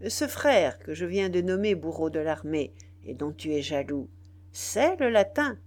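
A woman voicing an imperious, crafty rebel general who scolds loudly in a raised voice, reading a classic novel aloud. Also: sits low, expressive, a little slow. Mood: furious.

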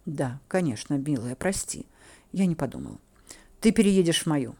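A woman voicing a blond young man who speaks to his beloved with soft, caring concern, in an audiobook read. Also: fairly high pitch, quick pace, lightly acted. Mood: tender. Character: tender blond male suitor, soothing.

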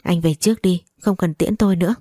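A woman reading the lines of a young mother, gentle but firm, in a storybook novel. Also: fairly low pitch, brisk, dry recording, clean studio sound, natural voice.

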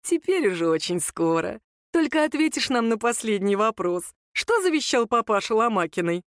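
A woman voicing a lanky, menacing male thug who mocks his victim in a slow, sneering drawl. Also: fairly high pitch, big pitch swings, no room sound, studio quality. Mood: menacing, mocking.

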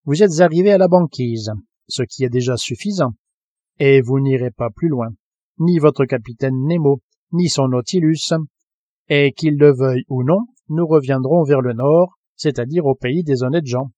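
A man reading the part of a blunt, stubborn harpooner who flatly refuses an idea. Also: mid-range voice, moderate pace, no echo, natural voice.

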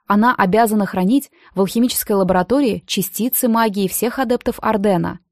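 A woman's voice: mid-range voice, fairly quick, dry recording, studio quality, lightly acted. Woman voicing a gossipy young male student. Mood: explaining. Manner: hushed, gossipy confiding tone. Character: chatty young male student, confiding and pushy.

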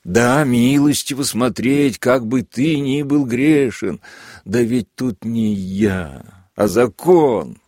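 A man voicing a cruel army lieutenant who speaks with syrupy, sanctimonious mock kindness and shouts gleefully at a flogging. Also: mid-range voice, expressive, slow pace, dry recording, studio quality. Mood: mock-gentle. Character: sadistic mock-kindly male army lieutenant.

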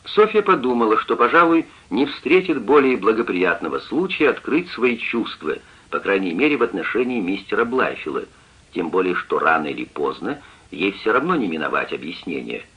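A man with a low, husky voice narrates a classic novel in a dramatic reading whose pitch swings widely. The old radio recording sounds dull and lo-fi. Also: sing-song, moderate pace. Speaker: audiobook narrator.

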